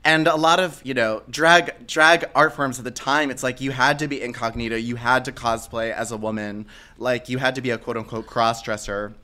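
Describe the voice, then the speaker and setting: Casting: male co-host, sassy and camp, bright forward voice, emphatic slangy delivery for casual film chat. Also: mid-range voice, steady tone, normal speed, hardly any pauses.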